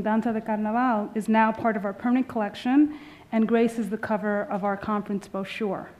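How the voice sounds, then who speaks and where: A woman museum curator giving formal welcome remarks in an auditorium, speaking from a podium microphone and often pausing on "uh". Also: mid-range voice, darkish tone. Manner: formal, with frequent filler "uh"s.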